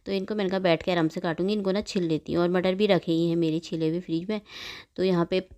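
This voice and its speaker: A middle-aged woman vlogger who talks quickly and rambles while narrating her morning cooking and chores. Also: fairly low pitch, fairly even intonation, a little mellow, clear, resonant tone. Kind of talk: chatty voice-over about her morning cooking.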